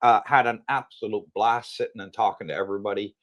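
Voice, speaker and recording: A man's voice: on the low side, fairly even intonation, quick pace. A man from the United States co-hosting a casual livestream, chatting and telling stories with frequent laughs. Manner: chatty storyteller, laughs often. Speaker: livestream co-host.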